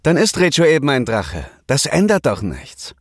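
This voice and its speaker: A man's voice: medium pitch, huge pitch swings, moderate pace, no echo, studio quality, pitched above the performer's own voice. A man reading a German audiobook, voicing a bold, carefree young woman with a breezy, cheeky manner. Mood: teasing.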